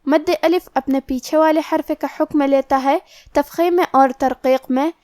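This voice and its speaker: A woman teaching Quran recitation rules, explaining each letter and rule slowly and methodically. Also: high voice, fairly even intonation, a little mellow, no echo, clean studio sound. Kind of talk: tajweed lesson explaining rules.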